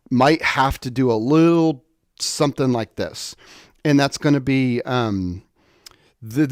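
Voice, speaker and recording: A product tutorial presenter with an average-pitched male voice walks through a technical tutorial. He explains informally and off the cuff, often stopping to think aloud and rephrase, and the recording is dry and close with no echo.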